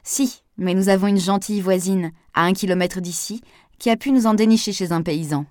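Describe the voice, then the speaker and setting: A woman reading Pascal, a calm capable woman. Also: mid-range voice, fairly quick, no echo, studio quality, close to an everyday voice. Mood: composed.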